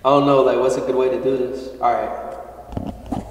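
A young man chats in a loose, slangy vlog style, still winded from training. His voice sits at an ordinary pitch and rings out from a distance in a very echoey room with a long tail. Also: little pitch movement, normal speed, noisy background. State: out of breath after training. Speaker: fitness YouTuber. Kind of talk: casual vlog chat. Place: gym.

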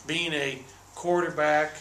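An older man who heads a college basketball team fields postgame press questions at a desk table microphone, sounding bright and forceful while answering candidly and in detail and doubling back on words as he restarts. His voice is a little high, steady in tone, and slow. The small press room gives a roomy echo, with a little hiss or hum.

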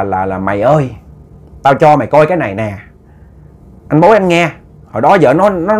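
A man telling a ghost story casually, animated and often stammering through repeated words as he acts out quoted scolding. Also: medium pitch.

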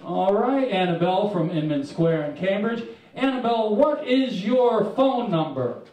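A man's voice: high-pitched, animated, moderate pace, darkish tone. A man hosting a comedy show on stage, addressing the audience in theatrical emcee patter. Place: small dark club stage, indoors. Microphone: handheld stage microphone, captured by a far camera. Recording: echoey club PA from far off, crowd noise.

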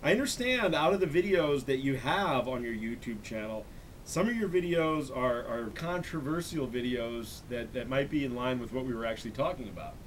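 Male host, 30s, average pitch, relaxed interview chat recorded indoors, slight background rumble. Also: moderate pace, poor audio. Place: small furnished room, indoors.

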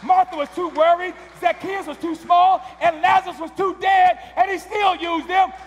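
A middle-aged male pastor preaching loudly, building up with repeated calls in a large church. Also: extremely high pitch, steady tone, moderate pace, dull audio, a faint crowd. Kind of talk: sermon. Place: large wood-paneled church sanctuary. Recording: long church hall reverb.

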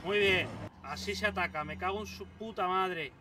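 A young man with a Spain Spanish accent, giving excitable let's-play commentary, yelping and swearing at every scare. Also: sits high, moderate pace. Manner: yelps, swears and exclaims constantly, jumpy. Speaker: gaming channel host. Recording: distant mic with clear background noise.

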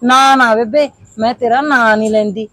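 Woman acting headman's wife, Punjabi accent, high voice, dry close sound, fretful. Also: fairly even intonation, normal speed, fairly bright tone, no room sound. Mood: worried. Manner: worried, complaining. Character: village headman's worried wife, dutiful woman. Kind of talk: village comedy drama.

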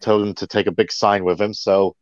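A man with a somewhat low voice co-hosts a casual livestream, rambling along with plenty of fillers. His sound is dry and dull, like a lo-fi mic in a dead room. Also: little pitch movement, fairly quick, dry recording. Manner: chatty, rambling, many fillers. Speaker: co-host.

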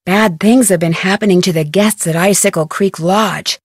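A woman with a fairly low, husky voice speaks at a normal pace, playing a plucky, curious young amateur detective with an American accent in an adventure game. Her scripted dialogue is chipper, conversational, inviting and intriguing, recorded cleanly in a studio with no echo.

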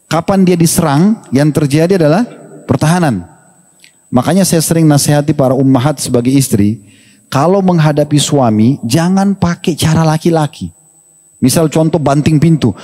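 Animated male preacher in a reverberant hall. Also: a little high. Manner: animated, humorous, acts out quoted dialogue. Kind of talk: religious Q&A talk.

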